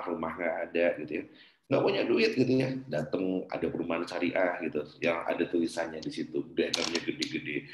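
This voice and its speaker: A middle-aged man from Indonesia, a business coach telling a personal faith story to his class in an earnest way, swinging between loud and soft. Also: low-pitched, roomy sound, low-quality recording. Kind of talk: motivational religious talk to a class.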